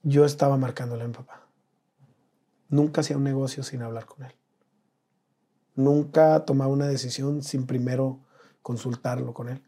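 A man from Mexico, an interview guest telling an emotional personal story in an earnest, slangy way, dropping to a hush at painful moments. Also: medium pitch, fairly even intonation, normal speed, pauses often, slightly rough.

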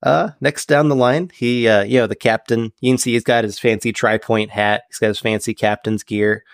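A man narrating a tabletop game as game master, relaxed and descriptive, with many fillers. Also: on the low side, normal speed, no echo, studio quality.

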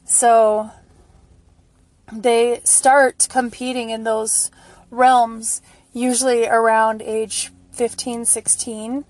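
A woman's voice: fairly high pitch, a little mellow. A woman hosting a solo podcast, talking in an informal, rambling, casual way. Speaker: podcast host. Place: at home, recorded in a stairwell for the introduction.

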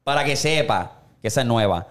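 A man's voice: mid-range voice, brisk. A man with a Puerto Rican accent hosting a podcast in casual, slangy chat, reading the sponsor spot himself. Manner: relaxed, slangy, reads ad spots himself. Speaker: podcast host.

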